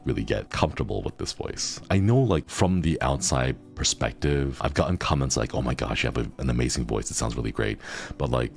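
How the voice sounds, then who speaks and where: A man's voice: rumbling low, creaky. A man in his thirties chatting casually on a livestream, rambling along with lots of "like" fillers. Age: 30s. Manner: relaxed rambling with frequent "like" fillers. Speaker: streamer.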